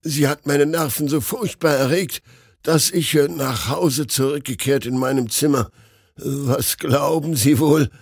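A man's voice: fairly high pitch, a little slow, vocal fry, slightly rough, no echo, clean studio sound, pitched above the performer's own voice, exaggerated voice. A man voicing a terrified young male doctor who gasps and pleads in panic. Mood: panicked.

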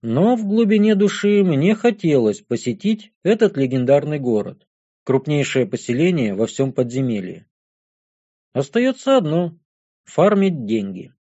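A man reads a first-person fantasy audiobook in an even, measured way. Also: a little high, highs cut off. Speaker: audiobook narrator.

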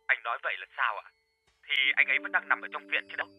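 A man voicing a middle-aged wife at a hospital who talks softly and breaks down crying. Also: mid-range voice, racing, breathy edge, no echo, dull audio, natural voice. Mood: sleepy. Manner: soft, drowsy, then sobbing.

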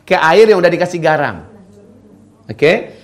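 A man's voice: fairly high pitch, very animated, a little slow. Guy preaching casually, mid-aged, chatting with the ladies in the crowd. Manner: chatty, addresses women in the audience directly. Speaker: Islamic preacher. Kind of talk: informal religious lecture with audience questions.

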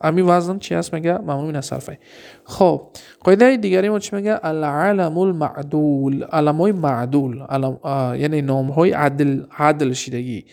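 A man with a Tajik accent teaching Arabic grammar, reading example sentences slowly and then quizzing his listeners with questions he answers himself. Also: fairly high pitch, vocal fry, a little mellow. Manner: asks rhetorical questions and answers them himself. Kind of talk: classroom lesson.

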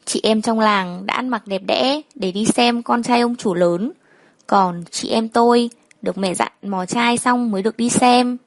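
A woman narrating a first-person story in a plain, steady way. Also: on the high side, measured pace, no room sound.

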